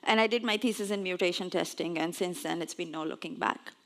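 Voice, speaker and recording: A woman's voice: fairly low pitch, fairly quick, gravelly. A woman in her forties, originally from Pakistan, giving a conference talk on stage in a chatty, lightly self-mocking way. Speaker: conference speaker. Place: on stage before an audience.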